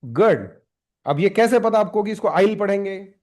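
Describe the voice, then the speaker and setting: Male teacher, high voice, classroom lecture, keeps quizzing students. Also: expressive, normal speed, a little mellow. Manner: questioning, coaxing students. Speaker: spoken English teacher.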